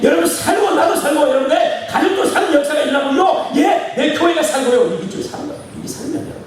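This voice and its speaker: Echoey, lively preaching pastor, high voice. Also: male voice, quick pace, slight background noise. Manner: animated preaching with call-and-response; addresses the congregation constantly. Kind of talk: sermon. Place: church sanctuary. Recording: echoey church hall from far off.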